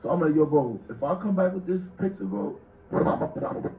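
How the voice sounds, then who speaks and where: A man's voice: high-pitched, animated, fast, gravelly, distant mic. A man talking in casual street slang, blunt and repeating his phrases. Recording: echoey, muffled, loud music behind.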